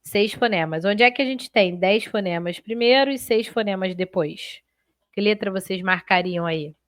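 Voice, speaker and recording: A woman teaching Portuguese in a live online exam-prep class, chatty and lively, talking straight to her students and checking in often. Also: mid-range voice, moderate pace, no echo, studio quality.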